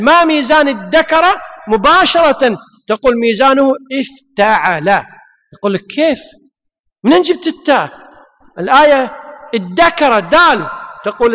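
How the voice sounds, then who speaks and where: A man's voice: very high voice, a bit bright. A man teaching a grammar lesson, repeating his points and asking and answering his own questions. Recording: long hall reverb.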